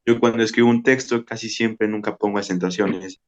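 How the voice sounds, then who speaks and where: A man's voice: lowish voice, steady tone, a little fast, muffled recording. A man hosting a casual podcast discussion, asking curious questions and repeating words as he thinks.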